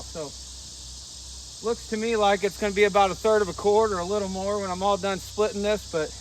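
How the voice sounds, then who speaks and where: Relaxed man vlogging outdoors. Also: high voice, a little hiss or hum. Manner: relaxed, explains as he shows. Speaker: firewood vlogger. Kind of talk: casual outdoor vlog. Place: outdoors at a farm.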